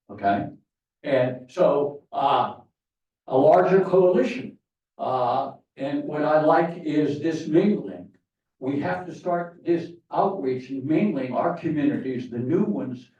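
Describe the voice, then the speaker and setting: A man with a slightly high, warm voice gives a rambling conference talk to an audience, full of fillers and restarts. It's recorded from a distance in an echoey hall, so the sound is dull.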